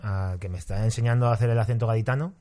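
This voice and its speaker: A man from Spain, a stand-up comedian, chatting casually on a podcast and acting out quoted lines in a higher voice. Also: racing, mellow.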